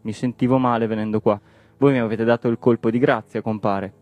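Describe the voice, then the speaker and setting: A man voicing a poor middle-aged villager who speaks calmly and plaintively. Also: medium pitch, brisk, no echo, close to an everyday voice. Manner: calm, plaintive.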